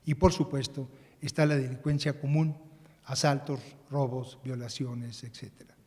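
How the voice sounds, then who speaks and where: A man giving a measured, formal prepared speech as a panelist, with occasional restarts. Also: medium pitch, little pitch movement, a little mellow. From Mexico. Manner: measured, reading a prepared text, some restarts. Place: large conference hall. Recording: conference hall with long reverb.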